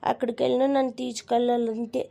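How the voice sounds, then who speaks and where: A woman's voice: on the high side, flat delivery, quick pace, vocal fry, mellow. A woman voicing a bratty cartoon little girl, a bossy younger sister who tattles and turns on fake tears. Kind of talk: cartoon voice dubbing.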